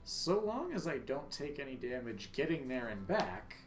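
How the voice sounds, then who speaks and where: A man's voice: mid-range voice, big pitch swings, normal speed, faint music behind. Brief: man in the middle of his range, live gameplay commentary, swears and jokes with chat. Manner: profane, joking, chats with viewers. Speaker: streamer.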